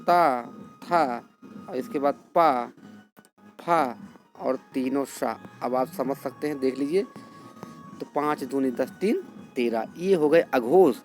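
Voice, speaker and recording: A man's voice: on the high side, darkish tone. A man teaching Hindi grammar, explaining step by step and asking and answering his own questions. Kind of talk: classroom lesson.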